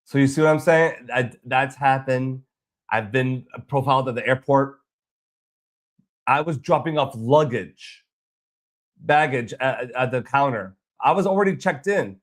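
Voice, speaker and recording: A man's voice: mid-range voice, measured pace. A man from Boston recounts a bad travel experience in a loose, rambling way. He often stumbles and restarts mid-sentence. His tone stays aggrieved and frustrated. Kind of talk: casual storytelling vlog.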